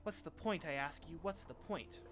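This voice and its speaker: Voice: medium pitch, normal speed, natural voice. A streamer reading as a bitter, despairing recluse. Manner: bitter, weary ranting. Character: bitter despairing man locked in his tower.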